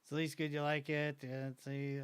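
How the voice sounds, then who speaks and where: A man's voice: fairly high pitch, little pitch movement, brisk, smooth. A man chatting casually on a stream, joking and rambling with a slight wheeze. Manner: joking, self-mocking, rambling. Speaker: streamer reacting to videos.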